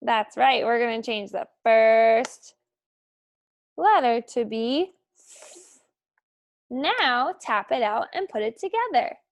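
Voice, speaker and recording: A woman's voice: fairly high pitch, lively intonation, highs cut off. A young woman teacher leading a phonics lesson for young children, encouraging them and praising them often. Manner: slow, sing-song, encouraging with frequent praise.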